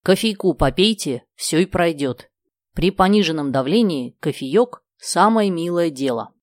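A brisk, practical bookkeeper, read by a woman narrator in an audiobook. She speaks with confidence, in a lowish voice recorded dry. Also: animated, darkish tone, no room sound.

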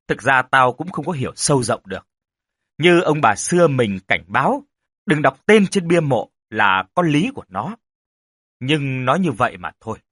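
A man's voice: mid-range voice, fairly bright tone, slightly rough, no room sound, studio quality. A man voicing a stern older rural uncle who deals with spirits, grave and commanding.

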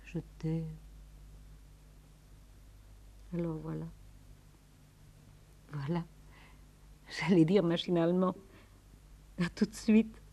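An actress in a 1950s radio drama, playing a desperate woman pleading with her departing lover on the telephone, trembling and swinging from hushed to frantic. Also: on the low side, slow, long pauses. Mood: tender.

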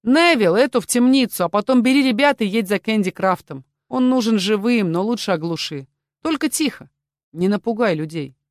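Woman voicing guard captain, quiet, confident, menacing, dry close read. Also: mid-range voice, expressive, normal speed, dry recording, pitched above the performer's own voice, lightly acted. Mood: cold. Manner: quiet, confident, turns cold. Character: male castle guard chief, calm, quietly menacing. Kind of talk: audiobook character voice.

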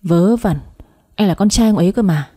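A cautious young man in a spoken story, scolding in a hushed, irritable way, as a woman narrator voices him. The tone is mellow and slightly breathy. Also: medium pitch, normal speed, lightly acted.

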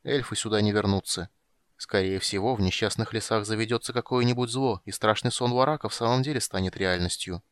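A troubled half-elf adventurer, as a male reader puts him on, earnest and brooding. The low voice is recorded close and dry. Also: a little fast, clean tone, dry recording, lightly acted.

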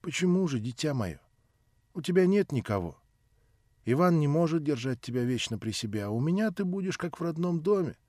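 A sorrowful old man, as a male reader voices him, slow and soft-spoken, with a slightly raised pitch. The audiobook reading sounds dry and close. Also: very animated, dry recording. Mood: pleading. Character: grieving old man, gentle and pleading.

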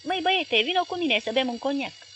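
A volatile middle-aged press magnate, as a woman reading the book puts him on, barks his words with gruff authority. His temper flares into explosive shouting without warning. It is an audiobook reading, with the figure voiced in a lifted, louder register. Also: high-pitched, expressive, a little hiss or hum, voice pushed up. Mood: gruff, confiding.

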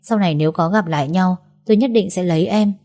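A woman voicing a gentle young boy who reassures a crying girl. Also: fairly low pitch, fast, natural voice. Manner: soft, reassuring.

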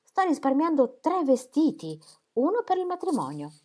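A woman's voice: high voice, big pitch swings, normal speed, darkish tone, voice pushed up. A woman voicing a cheerful, spendthrift young man who jokes and pleads, in an audiobook reading. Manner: joking, pleading.

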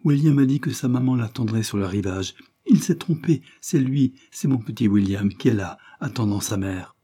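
A man's voice: fairly low pitch, moderate pace, warm tone, slightly rough. A man voicing a dying young noblewoman, remorseful and devout, with a tremulous, pleading delivery in an audiobook reading. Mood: feverish joy.

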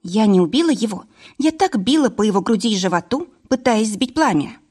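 A woman reading an audiobook, voicing a panicky, excitable young woman who cries out in shrill, frantic bursts. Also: a little fast, breathy edge. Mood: anxious.

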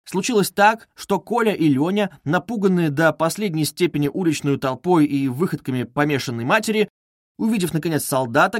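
A man narrating a classic novel in a measured, expressive reading. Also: a little high, no room sound, studio quality. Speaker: audiobook narrator.

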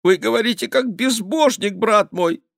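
A man voicing a frightened, pleading king who protests in a raised, shrill voice in an audiobook reading. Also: moderate pace, vocal fry, a bit bright, no room sound, studio quality. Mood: alarmed.

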